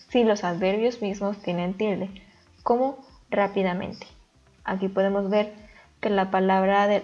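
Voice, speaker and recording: Female teacher, even mid-pitched voice, methodical explainer, muffled recording with soft music under it. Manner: calm, step-by-step explaining. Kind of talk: recorded grammar lesson.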